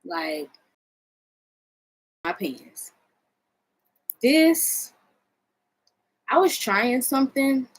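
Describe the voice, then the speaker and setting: A woman's voice: medium pitch, rough recording. An American woman chatting casually in a vlog, rambling in a laid-back way and swearing freely. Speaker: vlogger showing own artwork. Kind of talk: casual chat.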